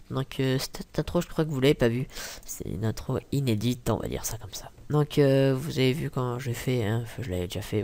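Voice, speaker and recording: A young man talking through a casual software tutorial, rambling with many fillers and self-corrections, muttering asides and apologizing for swearing. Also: mid-range voice. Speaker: tutorial maker. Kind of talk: casual screen-recording tutorial.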